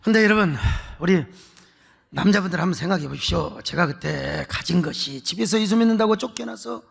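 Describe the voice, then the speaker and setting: A male pastor preaches a sermon and acts out the voices in his story. His voice sits very high and has a gravelly edge. It rings out through a long church reverb. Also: animated, a little fast. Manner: storytelling with acted-out voices and shouts. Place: large church sanctuary.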